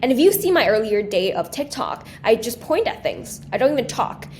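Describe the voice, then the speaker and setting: Taiwan-raised young woman, animated chat. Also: fairly high pitch, a little fast, a little hiss or hum. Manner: animated, with many restarts and fillers. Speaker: guest, small business creator. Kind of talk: casual interview chat.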